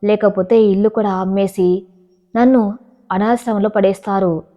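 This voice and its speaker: A conniving old mother-in-law who whines and plays the victim, as a woman reading the story puts her on. She talks with a middling pitch, and the dull, lo-fi recording keeps the voice slightly muffled. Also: steady tone, normal speed, close to an everyday voice. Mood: pleading. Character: scheming old mother-in-law, self-pitying.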